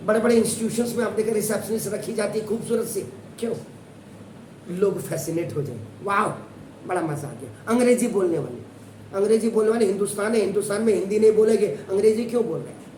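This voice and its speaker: A man's voice: high-pitched, fast talker, mellow. A male maths teacher from India gives a preachy, sarcastic classroom lecture, mixing English and Hindi. He is picked up from across an echoey room with a faint hum of ambience behind him. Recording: echoey room, mic far off.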